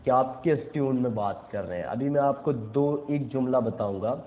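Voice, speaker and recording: A man's voice: mid-range voice, moderate pace. A young man, giving a casual instructional talk and explaining step by step with frequent check-ins. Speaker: self-improvement speaker. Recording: tinny phone-like audio.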